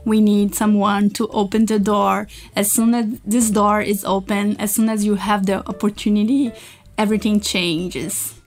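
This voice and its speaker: A woman's voice: medium pitch, flat delivery, normal speed. A woman hosting a podcast interview, introducing her guest and asking questions. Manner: warm introductions, brief affirmations. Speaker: podcast host.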